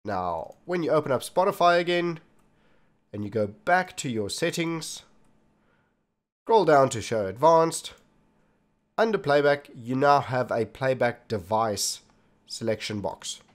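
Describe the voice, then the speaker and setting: With a mid-range voice and lively intonation, a man guides viewers step by step through a tech tutorial, unhurried and leaving long pauses. He addresses them directly in scripted-feeling narration, recorded on a desktop computer microphone while he demonstrates indoors.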